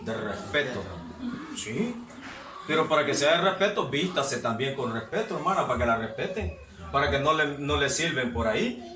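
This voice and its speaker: A man preaching a sermon to his congregation, exhorting and asking them questions, his voice rising to shouts. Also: on the high side, expressive, brisk, a little hiss or hum. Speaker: pastor. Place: church hall. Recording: echoey hall, mic far off.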